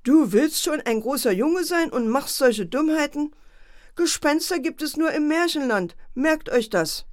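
A woman voicing a caring but stern mother in a children's story, brisk and scolding. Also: medium pitch, lively intonation, a little mellow, close to an everyday voice.

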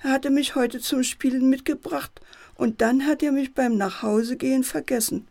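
A woman plays a forlorn little teddy bear in a bedtime story, whimpering through tears. The voice sits higher than her narration, with a gravelly catch in it. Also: fairly even intonation, moderate pace, darkish tone. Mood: sobbing. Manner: whimpering, tearful.

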